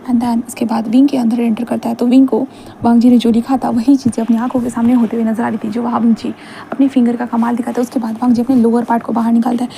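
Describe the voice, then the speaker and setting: A woman retells a fan fiction story in a loose, conversational way, her voice high yet dark and mellow. She strings the scenes together with everyday fillers. Faint noise lies under the recording. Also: gravelly, low-quality recording. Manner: conversational, fillers between lines.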